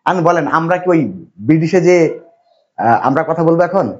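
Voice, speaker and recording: A man from Bangladesh lecturing a classroom, his voice a little higher than most men's. He talks in a repetitive, reassuring way and keeps quizzing his students. The recording is dull and lo-fi. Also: fairly quick, darkish tone. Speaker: English teacher.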